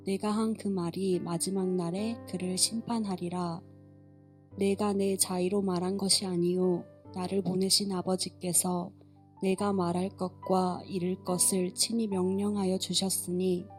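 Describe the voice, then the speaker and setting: A woman reading a scripture passage aloud in a steady, measured way. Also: medium pitch. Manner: steady, even recitation.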